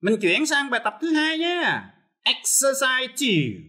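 Male teacher, slow and bright, lively pitch, TV lesson. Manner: explains step by step, switching between Vietnamese and English. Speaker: English teacher. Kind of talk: televised lesson.

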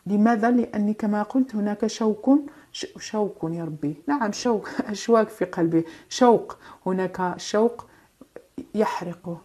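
Female tarot reader, soft-toned and warm, slow soothing delivery with hesitations. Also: mid-range voice. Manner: gentle, reassuring, drawn-out phrasing with hesitations and French phrases. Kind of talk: tarot card reading.

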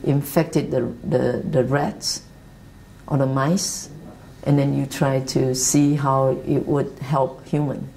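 Low-voiced Taiwanese woman recalling her life. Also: little pitch movement, warm tone, slight background noise, poor audio. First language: Mandarin Chinese. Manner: earnest, halting non-native English with restarts. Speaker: interviewee. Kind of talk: reflective life-story interview. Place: office meeting room, seated at a table.

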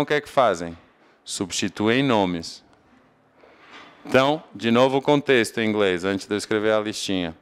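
A Portuguese man with a European Portuguese accent teaches English grammar in a classroom lecture, asking his own questions and then answering them. His medium-pitched voice is clear and resonant.

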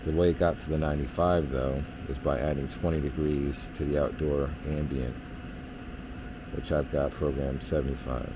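A man, an HVAC technician, giving a relaxed hands-on explanation of system readings in a basement furnace area, with lots of fillers. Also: rumbling low, normal speed, noisy background.

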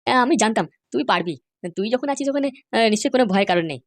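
A woman's voice: on the high side, lively intonation, very fast, no echo. A woman voicing a pompous older male politician in a cartoon, bossy and self-assured. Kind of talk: cartoon voice acting.

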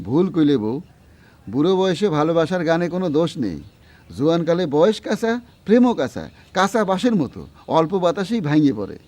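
A man's voice: on the high side, sing-song, brisk, mellow. A folksy old village father. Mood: fond. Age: older. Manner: fond, folksy, philosophizing. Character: warm-hearted old village father who loves to sing. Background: music.

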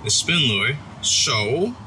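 A man's voice: medium pitch, very slow, poor audio. A young man casually talking to himself as he fishes from a rocky ocean shore, recorded on an action camera. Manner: relaxed, talks to himself while fishing. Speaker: fishing vlogger. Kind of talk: casual outdoor narration. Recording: wind-buffeted action camera by crashing surf. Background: surf and wind.

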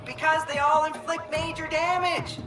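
A man's voice: extremely high pitch, little pitch movement, normal speed. An actor playing a smug, gleefully cruel male reality show host in a cartoon, announcing with showy sarcasm. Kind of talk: cartoon voice acting. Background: loud music.

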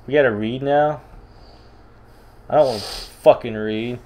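A young man casually commentating a video game with a friend, joking and swearing, with sudden excited outbursts. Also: mid-range voice, measured pace, a little hiss or hum. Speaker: let's play gamer.

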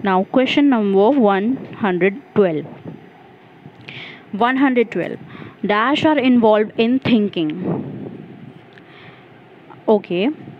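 A woman teacher talks through exam answers one by one, explaining each term patiently and pausing to fix her own mistakes. Her pitch sits in the middle of the usual range. The recording sounds dull and lo-fi, with faint noise behind her. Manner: explains step by step, mixing Hindi and English terms, corrects own slips. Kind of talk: exam-prep lesson.

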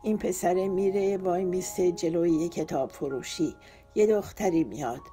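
A woman's voice: lowish voice, warm tone, faint music behind, lightly acted. A woman voicing a playful, affectionate young husband who jokes and then speaks tenderly, in an audiobook. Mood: teasing. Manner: teasing joke-telling, then tender.

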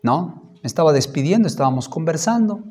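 A man preaching in a church, his voice sitting somewhat high. He tells a personal story with animated, acted-out exchanges and builds emphasis as he goes. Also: a little fast. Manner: animated storytelling, acting out dialogue. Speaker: pastor. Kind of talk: sermon testimony.

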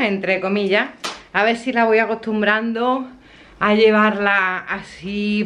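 A woman's voice: mid-range voice, fairly bright tone. Chatty woman in her fifties vlogging. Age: 50s. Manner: chatty, affectionate, rambling with fillers. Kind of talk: casual home vlog. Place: at home, indoors.

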